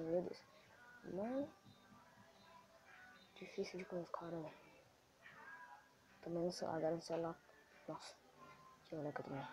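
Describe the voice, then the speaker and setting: A male gaming host with a Brazilian Portuguese accent, excitable and swearing as he comments on his gameplay. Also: fairly high pitch. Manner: excitable, swearing, quick to frustration.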